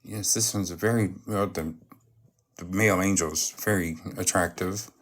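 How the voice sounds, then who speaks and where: A live stream host chatting casually while showing off items, halting and often breaking off to greet viewers, with some noise and clicking. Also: low-pitched, steady tone. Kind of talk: casual live stream chat while unboxing oracle cards.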